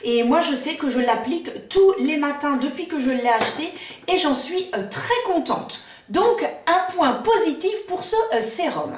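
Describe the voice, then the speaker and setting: A woman's voice: high voice, animated, normal speed. A woman beauty vlogger chatting casually about products, with frequent hesitations and fillers, sometimes reading product descriptions aloud. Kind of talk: casual product-review chat. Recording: echoey room, mic at a distance.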